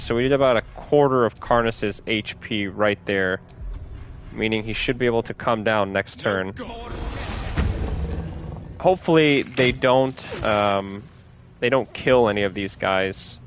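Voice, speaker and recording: A man's voice: fairly low pitch, a bit bright. A man giving casual, upbeat commentary while playing a game, thinking aloud about each move. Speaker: gameplay streamer.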